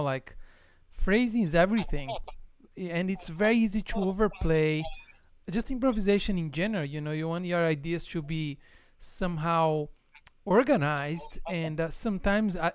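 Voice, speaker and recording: A man with a Brazilian Portuguese accent, a native Portuguese speaker, hosting a casual online interview as a guitar teacher, relaxed, with many fillers and frequent laughs. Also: fairly high pitch, clean tone, no room sound, studio quality.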